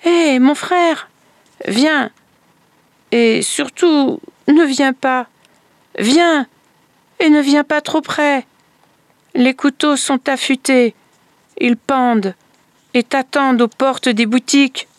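A woman voicing a frightened little girl, high and tearful. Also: steady tone, slow, gravelly, long pauses, no room sound, heavily acted. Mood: calling urgently. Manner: high, urgent calling and pleading.

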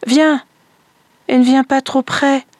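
A woman storyteller voicing a frightened little girl who pleads and calls out in a high voice. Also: level tone, takes it slowly, a little mellow, no echo. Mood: calling urgently. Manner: high, urgent calling and pleading.

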